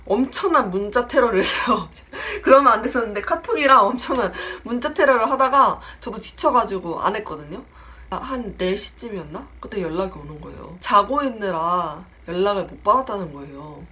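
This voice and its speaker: Telling a casual story about a friend, this vlogger in her twenties acts out each quoted line in a different voice. She is animated, with a mid-range voice and a fairly quick delivery.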